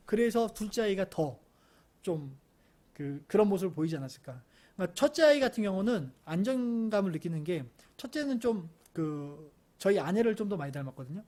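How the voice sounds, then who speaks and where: A middle-aged man giving an earnest parenting lecture, telling personal stories about his children and at times pausing and restarting his sentences. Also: high voice. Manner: earnest, softens into gentle soothing when quoting comfort to his daughters; hesitant, with fillers and restarts. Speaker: parent educator.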